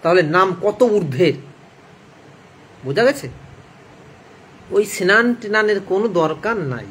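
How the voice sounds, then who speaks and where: A man who sings devotional hymns slowly and breaks off to explain them casually to listeners. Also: sits high, lively intonation, a bit bright, slightly rough. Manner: chants slowly, then explains casually to viewers. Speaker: devotional singer and reader. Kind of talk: sung hymn recitation with spoken commentary.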